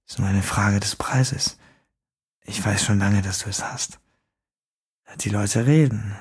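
A man's voice: on the low side, steady tone, a little slow, slightly rough. A man whispering as a sinister stranger. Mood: menacing hush. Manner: hushed, half-whispered, coaxing. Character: sinister soft-spoken male stranger, menacing.

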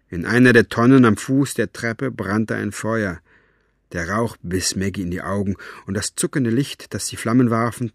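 A man's voice: fairly low pitch, no room sound, clean studio sound. Man reading an audiobook. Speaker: audiobook narrator. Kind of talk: scripted narration.

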